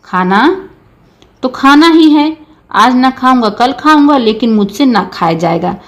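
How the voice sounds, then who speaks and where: A woman's voice: high voice, lively intonation, unhurried, voice pushed up. A woman reading a bitter, sulky village husband. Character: stubborn hurt village husband.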